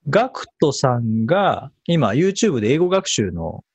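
A man talking casually in an interview about how he learned pronunciation, in a relaxed, storytelling way. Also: mid-range voice, a little slow, breathy edge, no room sound. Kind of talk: conversational interview.

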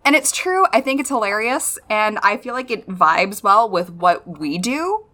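A woman's voice: mid-range voice, expressive, a little slow, pushed and bright. A woman co-hosting a podcast, chatting and telling stories casually in a silly, self-mocking way. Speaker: podcast co-host.

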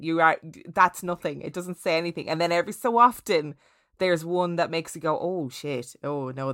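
A woman chatting casually on a podcast, reacting in an animated, expressive way. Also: low voice, no room sound, clean studio sound.

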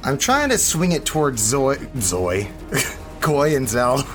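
A man's voice: mid-range voice, very animated, slow, a bit bright, faint music behind. A man chatting casually as a player in a tabletop role-playing game, calling out his moves.

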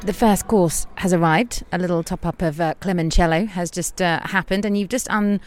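A woman hosting a podcast outdoors, chatting in a relaxed and playful way. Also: on the low side, normal speed, over music. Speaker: podcast host. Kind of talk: casual chat. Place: outdoors on church steps.

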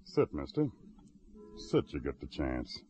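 An actor playing a weary, blunt old man on a city stoop, talking in terse, gruff drawls in a 1950s radio drama. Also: extremely low pitch, huge pitch swings, slow pace, mellow, soft background music, full character voice. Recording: dull old radio recording, faint hiss.

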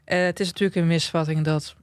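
A man's voice: a little high, little pitch movement, fast, dry recording. A man co-hosting a podcast in casual chat, outspoken and playful, sometimes reading lyrics aloud. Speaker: podcast co-host.

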